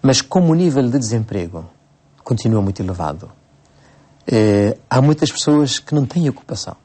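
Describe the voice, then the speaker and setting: A Cape Verdean priest in his forties answering interview questions at an unhurried pace, with frequent hesitations and restarts. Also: medium pitch, sing-song, warm tone. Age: 40s. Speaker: priest, bishop-elect.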